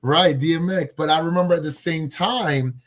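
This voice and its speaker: A man's voice: on the high side, moderate pace. A man from Colombia, a guest on a video call, telling his story in a reflective, casual way with many fillers and restarts.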